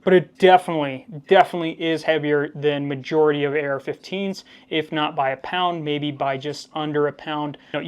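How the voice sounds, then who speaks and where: A man reviewing a product casually for viewers, explaining its drawbacks in a critical but measured, conversational way. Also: on the high side. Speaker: firearm reviewer, host.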